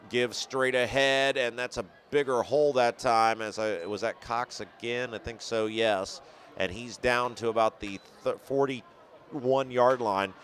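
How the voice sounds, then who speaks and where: A man doing play-by-play commentary on a high school football game outdoors, rising sharply and loudly on big plays. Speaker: play-by-play announcer.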